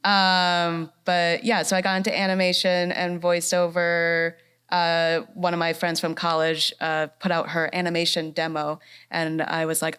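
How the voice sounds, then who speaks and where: On the low side yet a bit bright, her voice is clear with a resonant tone. This North Carolina voice actress is bubbly and upbeat during a casual festival panel on the stage of a fine arts center, and she laughs a lot.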